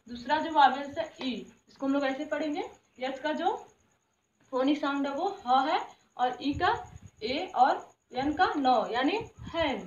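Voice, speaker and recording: A woman's voice: high-pitched, reverberant, muffled recording. A woman teacher with a Hindi accent, patiently sounding out English letters and words syllable by syllable for young children. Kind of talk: slow phonics lesson for young children.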